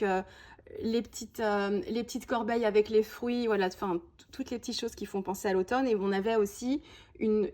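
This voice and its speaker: A woman's voice: mid-range voice, darkish tone. Chatty woman showing crafts. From France. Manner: chatty, with many small "hop" and "voilà" asides. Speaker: scrapbooking video host. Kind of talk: casual product show-and-tell.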